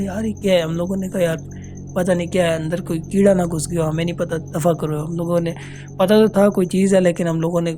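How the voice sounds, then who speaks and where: A man telling a true ghost story as a casual voice note, earnest and hesitant, pausing often. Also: sits high, mellow. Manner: earnest, unhurried, hesitant with many pauses. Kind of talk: casual spoken recounting of a true horror experience. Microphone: phone voice note.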